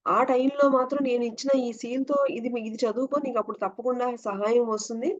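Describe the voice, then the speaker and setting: A woman voicing an elderly male guru who is stern yet loving, giving gentle, earnest instructions to his disciple. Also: on the high side, fairly even intonation, fast talker, lo-fi sound, close to an everyday voice. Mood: tender.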